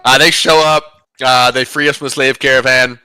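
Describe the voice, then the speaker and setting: Give me a hungover man giving a rambling, joking tabletop recap, with a bright tone in a dry room. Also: mid-range voice, fairly even intonation, normal speed, clean tone, dry recording. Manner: rambling, filler-heavy, joking. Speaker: player recapping the last session. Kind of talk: casual tabletop game recap.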